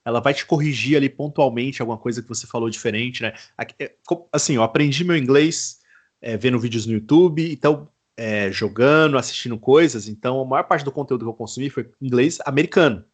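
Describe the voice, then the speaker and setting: A man's voice: medium pitch, brisk. Brazilian man telling his story casually. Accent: Brazilian Portuguese. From Goiás, Brazil. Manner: relaxed storytelling with casual slang. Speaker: guest, mobile engineer. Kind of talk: casual podcast interview.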